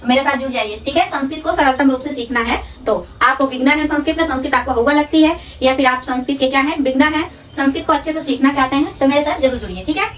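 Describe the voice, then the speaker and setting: A woman teaching a grammar lesson, asking questions and answering them herself, repeating terms slowly. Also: high-pitched, a bit bright, slight background noise. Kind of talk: classroom-style lesson. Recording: distant from the mic.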